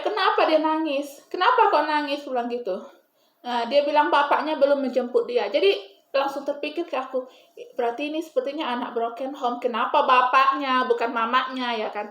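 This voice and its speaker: A woman vlogger telling a story in casual chat, talking to her viewers with many asides and restarts, and singing a cappella at the start. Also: high-pitched. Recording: echoey room.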